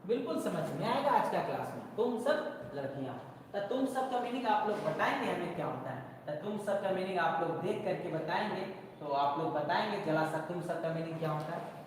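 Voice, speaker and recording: A man's voice: high voice, lively intonation, a little fast, a little hiss or hum. A male Sanskrit teacher in a video lesson, repeatedly questioning his students and answering himself. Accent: Bihari Hindi. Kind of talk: classroom-style video lesson. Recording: echoey hall, mic far off.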